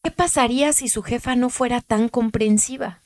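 Calm woman narrating a podcast. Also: fairly high pitch, normal speed. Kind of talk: scripted narration.

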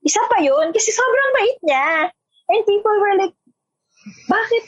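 A woman's voice: very high voice, moderate pace, dry recording. A feisty, talkative woman in her twenties from Metro Manila with a Filipino accent, telling stories in casual chat and acting out the voices she quotes. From Metro Manila, Philippines. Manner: animated, switching between Tagalog and English, acts out quoted voices. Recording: dry, slightly muffled recording.

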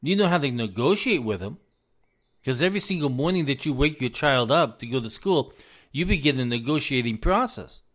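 A man's voice: medium pitch, animated, a little fast, a bit bright. A man giving earnest, informal advice to parents, repeating himself for emphasis, losing his voice. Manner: earnest, repetitive, addresses parents directly. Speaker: speaker on parenting.

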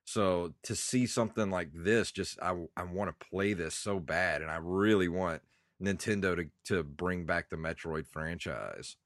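Deep-voiced congested man chatting. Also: unhurried, a bit bright, dry recording, clean studio sound. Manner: nostalgic, rambling with fillers. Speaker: podcast co-host. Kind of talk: casual chat.

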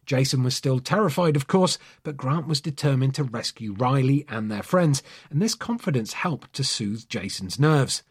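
Casting: male narrator for a dark story, husky mid-range voice, measured dramatic delivery. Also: mid-range voice, expressive. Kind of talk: scripted true-crime style story narration.

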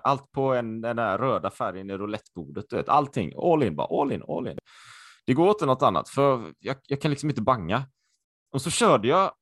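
A man co-hosting a podcast over a video call, excitable and chatty, repeating himself with lots of fillers. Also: mid-range voice, no room sound, studio quality. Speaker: podcast co-host.

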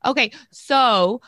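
A woman's voice: on the high side, bright, forceful tone, dry recording. A woman, hosting a casual podcast chat. She is chatty and laughs often. The voice sounds dry and close to the mic. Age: 30s. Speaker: podcast host.

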